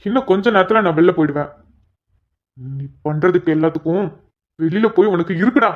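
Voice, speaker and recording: Woman putting on a spoiled young rich villain, lowered gruff voice, sneering threats, dull lo-fi sound. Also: fairly quick, natural voice. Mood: threatening. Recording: dull lo-fi audio.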